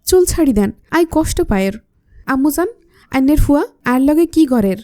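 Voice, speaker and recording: A woman's voice: sits high, lively intonation, normal speed, mellow, dry recording, studio quality, voice pushed up. Woman doing a cheeky young bride, Maya. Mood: teasing. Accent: Chittagonian dialect. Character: playful young bride teasing her husband.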